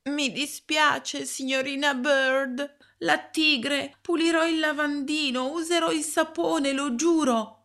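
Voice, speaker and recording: A frightened little schoolboy, put on by a woman reading a story aloud, pleads in a raised, thin voice that teeters on tears. He speaks in hurried, anxious bursts. It has the feel of a storybook read aloud. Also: fairly even intonation, a bit bright, full character voice. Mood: pleading. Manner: high, pleading, quick to tears.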